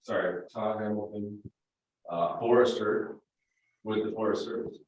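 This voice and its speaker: A man's voice: lowish voice, steady tone, unhurried. A man calling roll at a meeting who keeps hesitating with ums, his voice muffled and hollow as if he were speaking from the bottom of a well. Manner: hesitant, many ums and uhs. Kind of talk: hybrid meeting roll call. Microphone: remote call audio. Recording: echoey, distant, phone-like call line.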